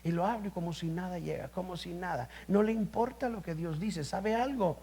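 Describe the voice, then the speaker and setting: A man's voice: high-pitched, brisk, mellow, breathy edge. A man, a pastor, preaching a live sermon in an impassioned, exclamatory way. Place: church service, live.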